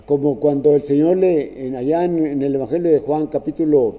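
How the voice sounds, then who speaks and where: A man preaching a sermon in a halting way, restarting phrases and often checking in with "¿verdad?". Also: fairly high pitch, phone-quality sound.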